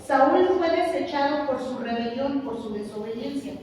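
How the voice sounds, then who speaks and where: Woman preacher, high voice, lively and humorous; echoey church hall, mic far off. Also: moderate pace. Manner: lively, humorous, acts out little scenes. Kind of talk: sermon.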